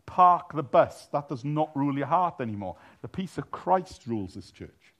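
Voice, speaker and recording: A male minister preaching a sermon in a blunt, animated way, teasing his congregation and breaking into sudden loud bursts. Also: fairly high pitch, normal speed.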